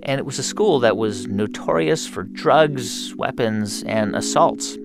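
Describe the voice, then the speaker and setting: A man's voice: mid-range voice, animated, unhurried, creaky. A man hosting a radio show, reading scripted narration that builds emphasis as a story unfolds. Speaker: radio host. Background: music.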